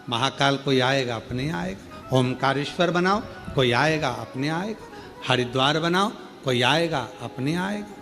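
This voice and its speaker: A male preacher from India giving a devotional sermon to a live crowd, repeating phrases for rhythm and stretching key words into high, drawn-out peaks. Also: fairly bright tone. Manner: reads a devotee's letter aloud between remarks. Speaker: preacher telling a Shiva Purana katha.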